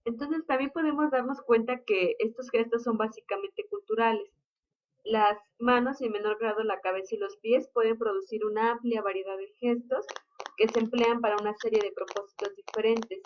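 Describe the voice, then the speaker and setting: A woman reads lecture notes aloud in a steady, explanatory way. Her voice sits somewhat high for a woman. The recording is dull and lo-fi. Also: normal speed.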